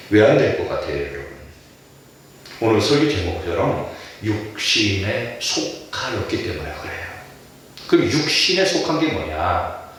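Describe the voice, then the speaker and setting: Middle-aged male pastor from Chungcheong, lively swinging delivery, heard from a distance in a very reverberant church. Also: sits low, slight background noise. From Chungcheong, Korea. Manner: animated, poses rhetorical questions to the congregation. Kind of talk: sermon. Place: church sanctuary. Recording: echoey church hall, distant mic.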